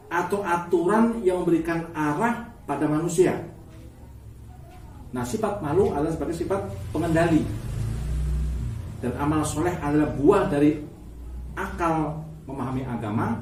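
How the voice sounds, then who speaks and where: A man with a fairly high voice explains like a religious teacher, setting out his points phrase by phrase in a didactic way. He is recorded at a distance in an echoey space with some noise. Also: a little mellow. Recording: echoey, noisy, distant mic.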